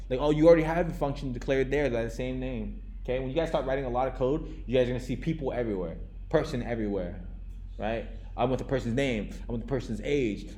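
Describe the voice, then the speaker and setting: A young man from the United States teaches a live coding class in a medium-pitched, somewhat dark voice, with a slight hiss or hum in the recording. As the instructor, he talks casually, often starting over and asking "right?" or "okay?"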